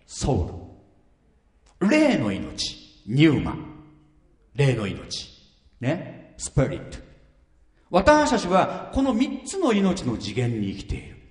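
Lively-voiced man preaching in an echoey hall. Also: fairly high pitch. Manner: animated, asks the congregation rhetorical questions. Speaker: pastor. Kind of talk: sermon.

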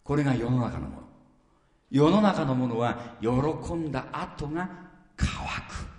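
A man in his fifties preaching a sermon as pastor, full of rhetorical questions and repeated phrases. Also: mid-range voice. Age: 50s. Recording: reverberant hall.

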